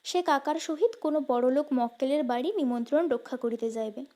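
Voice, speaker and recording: High-voiced woman reading a story. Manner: steady, measured storytelling. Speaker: narrator. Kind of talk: reading a classic story aloud.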